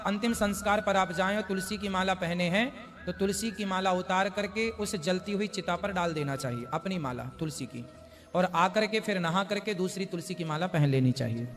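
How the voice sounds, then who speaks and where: A man, a spiritual teacher, calmly answering devotees' questions and explaining with everyday examples. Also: sits high, moderate pace, big-room sound. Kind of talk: religious question-and-answer discourse.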